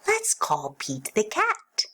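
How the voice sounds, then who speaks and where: A woman's voice: mid-range voice, wildly swooping pitch, takes it slowly, bright, forceful tone, breathy edge, heavily acted. A woman voicing an old, jolly, grateful Santa Claus who exclaims his lines in a children's storybook. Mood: worried, resolute.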